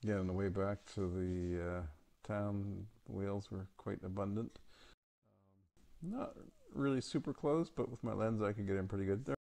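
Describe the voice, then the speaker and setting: Gravelly low-voiced man narrating holiday photos. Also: dark tone. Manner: halting, many uh and um fillers. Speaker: travel vlog narrator.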